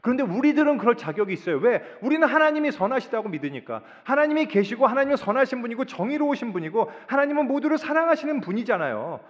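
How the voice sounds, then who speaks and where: A man preaching a sermon who puts rhetorical questions straight to the congregation and presses his points hard. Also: extremely high pitch. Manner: emphatic, rhetorical questions, talks directly to the congregation. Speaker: pastor. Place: church sanctuary. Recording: echoey church hall, slightly dull sound.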